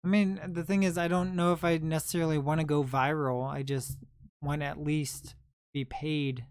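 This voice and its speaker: A man in his late twenties hosts a relaxed livestream, talking easily and answering viewer comments one after another. His voice is smooth and clear. The sound is dry and close, with no room echo. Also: a little high, normal speed. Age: 20s. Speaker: livestream host and reseller. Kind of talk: casual livestream chat.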